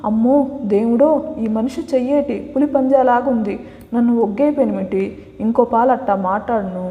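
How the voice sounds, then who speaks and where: Loud rustic village wife, read by a woman. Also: high-pitched, moderate pace, phone-quality sound, pitched above the performer's own voice, close to an everyday voice. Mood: wailing. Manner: loud wailing exclamations. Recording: echoey room with long reverb.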